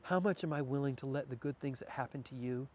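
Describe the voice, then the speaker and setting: A man speaks as a guest in a frank interview, his voice sitting at an ordinary middle pitch. He muses philosophically, working ideas out aloud and restarting phrases as he goes. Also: quick pace, a little mellow, dull audio, a little hiss or hum. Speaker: podcast guest. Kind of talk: candid conversational interview.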